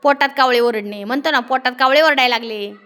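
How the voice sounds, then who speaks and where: A woman teacher reads a story to her pupils in a classroom and keeps stopping to explain it and put questions to the class. Her voice is high-pitched, bright and forceful. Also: fast talker, clear, resonant tone. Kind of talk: classroom lesson, reading a story aloud.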